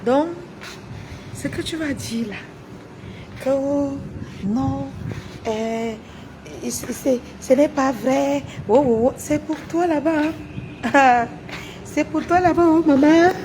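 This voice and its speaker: A woman's voice: high voice, slow, pauses often, background noise. A woman on a casual livestream, taunting her rivals with repeated rhetorical questions. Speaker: social media livestreamer.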